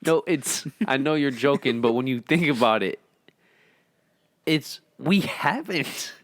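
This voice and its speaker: A man's voice: mid-range voice, unhurried, dry recording, clean studio sound. A man in his twenties co-hosting a podcast, reflective and earnest in casual chat. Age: 20s. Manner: reflective, earnest, says "bro" and "dude". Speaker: podcast co-host.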